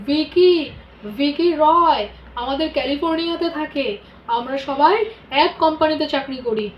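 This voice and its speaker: A woman's voice: sits high, roomy sound, highs cut off, slight background noise. A woman voicing a reproachful young husband. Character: stern young husband, embarrassed and scolding. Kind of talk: doll vlog drama.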